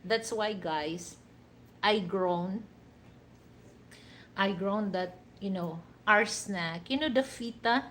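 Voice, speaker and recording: Speaking slowly with long pauses, this livestream host has a mid-range, slightly bright voice over faint background noise. She is a Filipino woman from the Philippines whose first language is a Philippine language other than Tagalog, and she chats casually, rambling and dropping many "you know" fillers.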